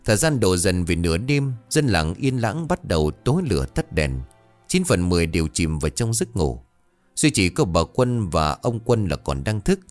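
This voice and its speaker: Male storyteller, low voice, very animated narration over soft music. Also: moderate pace. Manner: lively expressive storytelling.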